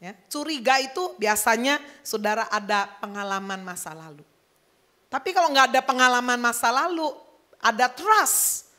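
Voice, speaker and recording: A middle-aged woman pastor preaching a lively sermon, now and then slipping English phrases into her talk. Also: on the high side, normal speed. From Indonesia.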